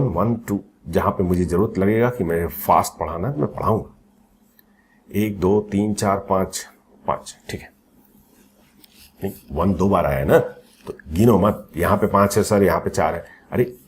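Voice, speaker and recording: A man teaching maths in a recorded coaching lecture, chatty and lively, asking the class questions and joking, mixing Hindi with English terms. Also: sits low, slight background noise. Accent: Hindi-English code-mixing.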